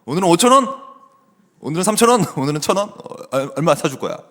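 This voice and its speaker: A man's voice: a little high, sing-song, fast, fairly bright tone. A man voicing his young daughter as a whiny, sing-song girl begging her dad for treats. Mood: wheedling. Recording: long church hall reverb.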